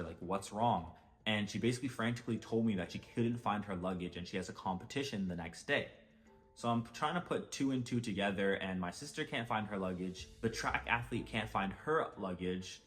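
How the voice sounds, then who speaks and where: A young man telling a travel story in casual storytime narration, conversational and full of filler words. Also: on the low side. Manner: conversational, with frequent "like" and "basically".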